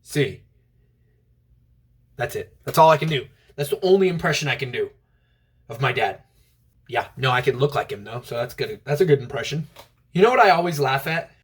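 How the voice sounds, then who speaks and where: Young guy with a husky voice, rambling deadpan stand-up, weird little stories. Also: mid-range voice, normal speed, long pauses. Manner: offbeat, deadpan absurd storytelling. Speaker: comedian.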